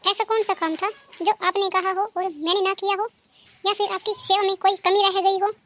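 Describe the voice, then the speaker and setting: A woman's voice: very high-pitched, flat delivery, normal speed, a bit bright, slight background noise. A woman voicing an indignant cartoon daughter-in-law. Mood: hurt. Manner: indignant, hurt. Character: hurt, defiant elder daughter-in-law. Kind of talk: cartoon dubbing.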